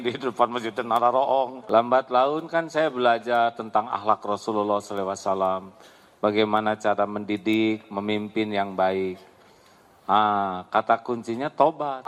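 Male preacher, animated storyteller, hall reverb. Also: medium pitch. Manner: lively storytelling, acts out voices, laughs often. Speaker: preacher answering a question. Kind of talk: Islamic sermon, Q&A with audience.

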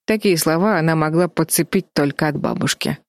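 A woman with a low voice narrates a children's fantasy story in a steady, expressive way. The recording is close and dry with no room sound. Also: brisk, gravelly, dry recording. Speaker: audiobook narrator.

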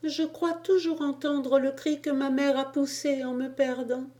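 A woman's voice: high-pitched, little pitch movement, measured pace, dark tone, pitched above the performer's own voice. A woman voicing a grieving little boy's soul in heaven who begs to go home to his mother, tearful and pleading.

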